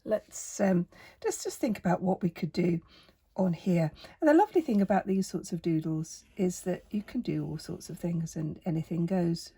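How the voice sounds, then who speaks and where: A woman in her fifties with a croaky voice, tired and under the weather, giving a casual doodle tutorial in a gentle, rambling, hesitant manner. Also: fairly low pitch, lively intonation, moderate pace. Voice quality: croaky, husky voice. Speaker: artist and art teacher giving a tutorial.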